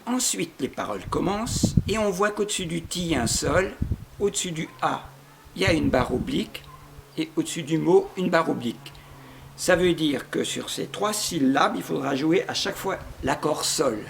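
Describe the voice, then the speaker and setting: A man's voice: a little high, expressive, normal speed, vocal fry, background noise. A man teaching a guitar lesson step by step, patiently explaining chords and rhythm and singing short phrases to demonstrate. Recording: guitar playing along.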